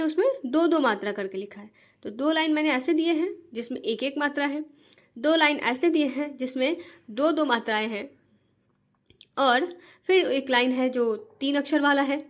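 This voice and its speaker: A woman teacher explaining to parents how to teach children to read. She breaks words into syllables and repeats each word slowly and patiently. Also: high voice. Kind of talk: slow, patient Hindi reading lesson.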